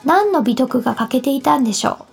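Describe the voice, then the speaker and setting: A woman's voice: high-pitched, expressive, quick pace, vocal fry, slightly rough, heavily acted. A woman voicing a strict but caring mother scolding her children in a storybook. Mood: stern. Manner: scolding, firm, instructive.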